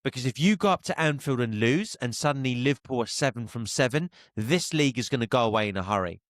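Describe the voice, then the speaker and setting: A man's voice: mid-range voice, expressive, no echo, studio quality. Blunt man hosting football chat. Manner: blunt, opinionated, quick to laugh. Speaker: podcast host.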